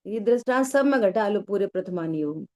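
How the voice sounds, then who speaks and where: A middle-aged scripture teacher gives a religious talk, telling a story and posing rhetorical questions to her listeners. Her medium-pitched voice is mellow, fairly quick and lively in intonation, and she acts out the quoted voices.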